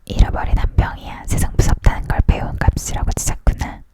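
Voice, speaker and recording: An ASMR reader narrates a book in a steady whisper. The delivery leans in toward the listener, with story narration and dialogue all kept hushed and unvoiced. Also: brisk. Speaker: storyteller reading a book aloud. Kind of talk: whispered ASMR reading of a novel.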